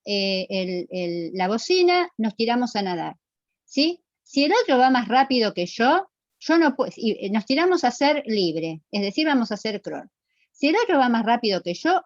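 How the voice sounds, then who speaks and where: A fairly high-voiced woman gives an online lecture, patiently explaining and asking her students questions. Her audio comes through dull and muffled over a video call, with a close, dry sound and no room echo. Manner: explanatory, asks the class questions and repeats answers. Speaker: teacher.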